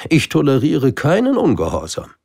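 A man voicing a pompous old king in a storybook, giving loud commands. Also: fairly high pitch, wildly swooping pitch, normal speed, vocal fry, no echo, clean studio sound, voice pushed up, full character voice. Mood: commanding. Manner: commanding, declaiming orders. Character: pompous old king, bossy but kindly.

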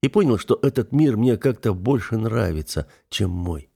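Кастинг: мужчина-чтец аудиокниги, низкий и мягкий голос. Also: male voice, on the low side, lively intonation, normal speed, creaky, mellow, slightly rough. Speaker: audiobook narrator. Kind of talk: scripted first-person narration.

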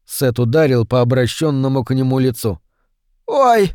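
A man's voice: medium pitch, normal speed, warm tone, dry recording. Man reading a horror audiobook, dry sound. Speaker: audiobook narrator. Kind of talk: scripted horror narration.

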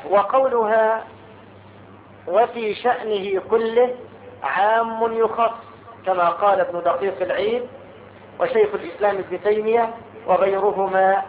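Male teacher, high voice, lecturing in a roomy space with a phone-thin sound; explains closely and asks the class rhetorical questions. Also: steady tone, moderate pace. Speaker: religious teacher. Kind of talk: hadith lesson. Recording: tinny phone-like sound, roomy echo, faint hiss.

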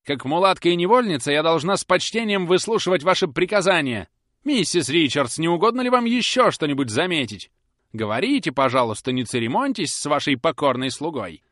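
Man putting on a shrill furious young nursemaid. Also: sing-song, a little fast, a bit bright, no room sound, studio quality. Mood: indignant. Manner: shrill, indignant, mocking. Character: fiery sharp-tongued young nursemaid woman.

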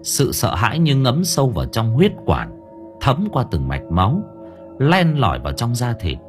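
A man's voice: medium pitch, normal speed, faint music behind. A man narrating a horror story in a dramatic, suspenseful audiobook style. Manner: expressive, suspenseful.

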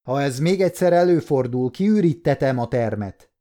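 A man's voice: fairly high pitch, sing-song, dark tone, pitched above the performer's own voice. A man voicing a firm, dryly humorous male judge presiding over a trial in an audiobook story. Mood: stern. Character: stern but dry-witted male judge.

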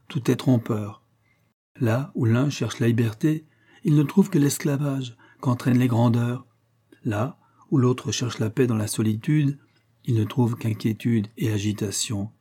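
A man's voice: medium pitch, warm tone, husky. A male reader voicing a grave older priest who lectures in an emphatic, sermonizing way.

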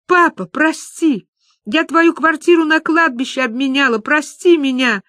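A woman voicing a distraught older woman who wails and cries out in a high, drawn-out voice. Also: big pitch swings, dry recording, studio quality. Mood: wailing.

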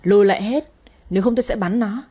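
A woman voicing a menacing gangster man who threatens and shouts at his captives. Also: mid-range voice, fast, slightly rough, natural voice. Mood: threatening.

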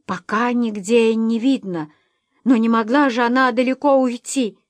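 A woman's voice: measured pace, no echo, lightly acted. A woman voicing a worried husband who speaks steadily, trying to reassure his wife. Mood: reassuring. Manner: steady, low-key, urging. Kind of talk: audiobook character voicing.

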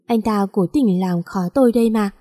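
A woman's voice: medium pitch, moderate pace, warm tone. A woman reading a first-person romance story aloud in a plain, conversational storytelling manner. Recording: long echoing reverb.

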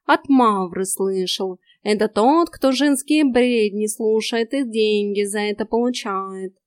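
A woman voicing a cheeky, sly male house cat in an audiobook, with a slow, smug, teasing delivery. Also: medium pitch, darkish tone, dry recording, clean studio sound, lightly acted.

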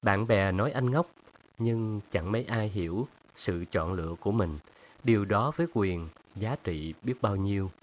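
A male narrator reads a story in a calm, measured way. His voice sits fairly low and stays steady through the narration. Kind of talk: scripted narration.

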